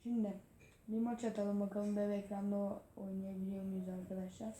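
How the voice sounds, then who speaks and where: Excitable woman gamer in a roomy space. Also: medium pitch, a little fast, a little hiss or hum. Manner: excitable, talks to the game, frequent exclamations. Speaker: gaming channel host. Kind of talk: excited gaming commentary. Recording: roomy echo.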